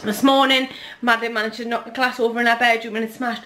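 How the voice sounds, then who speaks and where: A woman's voice: fairly high pitch, level tone, quick pace, bright, forceful tone. A woman in her thirties with a Geordie accent, chatting casually to her camera at home in a rambling family vlog. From North East England. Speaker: vlogger, mother.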